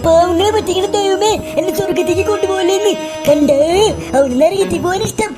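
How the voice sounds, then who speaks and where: A dubber voicing cartoon schoolkids and a teacher in a comic dub, teasing and exclaiming with loud bursts. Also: extremely high pitch, a little fast. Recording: loud background music.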